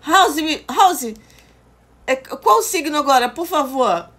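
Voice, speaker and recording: Middle-aged woman, Brazilian accent, high pitch, lively intonation, casual livestream host. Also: takes it slowly. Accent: Brazilian Portuguese. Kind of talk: casual chat with viewers. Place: indoor room at home. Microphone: phone at arm's length.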